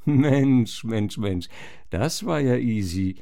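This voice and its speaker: A man playing a cocky, slow-witted Oedipus in a comic rhymed performance. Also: medium pitch, expressive, vocal fry, dark tone, dry recording, studio quality. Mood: relieved.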